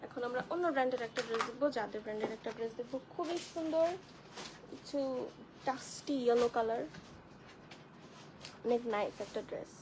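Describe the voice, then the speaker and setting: A high-voiced woman hosts a live online clothing sale. She chats with viewers, greets them by name and walks through each dress. A faint noise runs under the recording. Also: quick pace, pauses often. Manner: chatty, addresses viewers as sisters, greets commenters by name. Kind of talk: live-stream product showcase.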